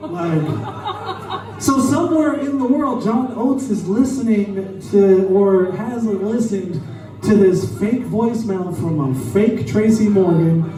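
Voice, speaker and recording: A man's voice: high voice, dark tone. A man telling crude stories in a stand-up comedy set at a small lounge club, heard echoing from a distance. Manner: crude, storytelling, quick asides. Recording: echoey club from far off.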